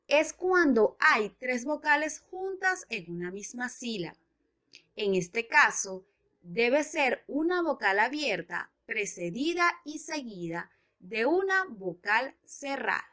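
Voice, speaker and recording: A woman teaching a grammar lesson, explaining slowly and deliberately and spelling out examples one by one. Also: on the high side, very animated, bright, forceful tone. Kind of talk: educational lesson narration.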